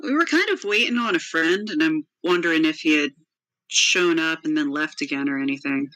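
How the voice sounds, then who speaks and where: Bright, dry-sounding tabletop player. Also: medium pitch, brisk, dry recording, rough recording. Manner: casual, laughing, hesitant. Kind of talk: in-character tabletop play.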